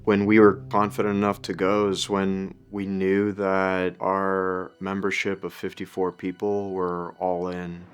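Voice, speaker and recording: A Ukrainian pastor in his thirties tells his story in a testimony interview, earnest and reflective. His deep voice stays completely flat, moving a little slowly with few pauses, and a music bed plays under it.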